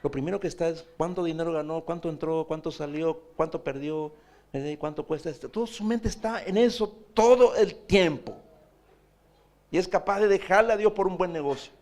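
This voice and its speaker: A man's voice: a little high, a little fast, darkish tone. A man, preaching a sermon as pastor, pressing his point with repeated rhetorical questions.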